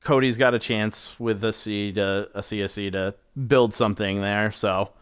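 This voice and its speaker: A man co-hosting a casual live stream about a sports simulation league, relaxed and full of fillers. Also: fairly low pitch, moderate pace, clear, resonant tone. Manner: relaxed, filler-heavy, laughs easily. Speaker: league show co-host.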